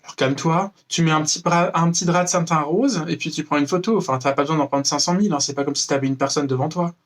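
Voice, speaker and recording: A man's voice: on the high side, steady tone, fast. Sarcastic young French man ranting. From France. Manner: sarcastic, mocking, rambling with many fillers. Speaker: vlogger. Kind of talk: freestyle rant to camera.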